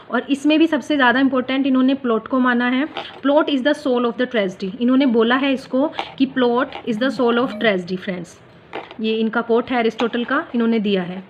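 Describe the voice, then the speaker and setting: A woman's voice: sits high, highs cut off. A woman, teaching literary terms from her exam notes, term by term, and calling her viewers friends. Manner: explains term by term, repeats the key points, calls viewers friends. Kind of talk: exam-prep notes lesson.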